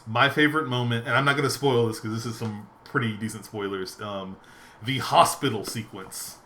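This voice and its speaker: Podcast host guy, bright tense voice, laid back, keeps asking the guest questions. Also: medium pitch, normal speed, a little hiss or hum. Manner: relaxed, asks questions, reads chat. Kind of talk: casual podcast chat.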